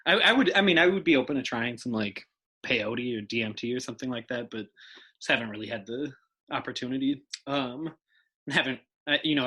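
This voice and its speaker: A young man talks in a loose, rambling way, full of fillers and easy giggles. His voice is bright and forward. He sounds like a podcast guest in casual chat. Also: mid-range voice, poor audio.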